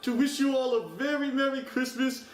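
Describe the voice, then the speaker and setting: A man plays a jolly old Santa Claus in a very high voice, hailing listeners in a holiday skit. It echoes, with music and jingle bells behind. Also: fairly even intonation, normal speed. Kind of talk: holiday video skit introduction.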